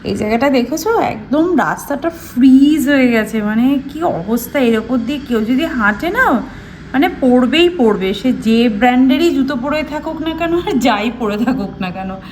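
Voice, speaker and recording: A woman's voice: high-pitched, expressive, normal speed, a little hiss or hum. A woman in her thirties with a Bengali accent, chatting casually in a home vlog and explaining cooking tips step by step. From India. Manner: speaks softly so as not to disturb others. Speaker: vlogger.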